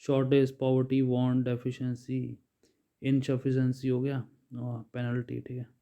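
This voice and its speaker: A man's voice: medium pitch, monotone, moderate pace, warm tone. A man teaching a bilingual vocabulary lesson, reading word lists and explaining each in Hindi with frequent "ठीक है". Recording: dull lo-fi recording.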